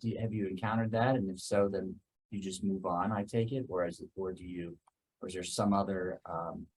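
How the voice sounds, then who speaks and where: A man with a lowish voice leads a remote work meeting. He asks his questions hesitantly and often restarts them. Faint background noise sits under his voice. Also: fairly even intonation, brisk, a little mellow, rough recording. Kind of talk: leading a work meeting discussion.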